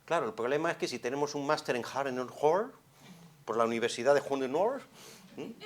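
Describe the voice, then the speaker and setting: A man from gives a psychologist's lecture in a conference hall, speaking into a microphone. His delivery is expressive and full of rhetorical questions. It drops to near hushed tones, then rises to carrying emphasis. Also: mid-range voice, fairly quick. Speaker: psychologist giving a conference talk.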